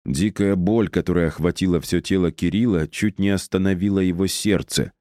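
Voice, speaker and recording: A man narrating an audiobook with even, deliberate storytelling. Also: deep voice, dry recording, clean studio sound.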